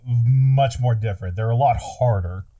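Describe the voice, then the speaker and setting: A man as a podcast guest in casual chat, relaxed and hesitant with many fillers. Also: mid-range voice, measured pace.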